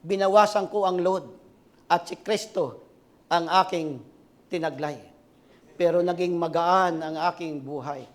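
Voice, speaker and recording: A man in his sixties preaching a sermon as pastor, swinging from shouted climaxes to quiet asides and asking the congregation for responses. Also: fairly high pitch, unhurried, long pauses. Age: 60s.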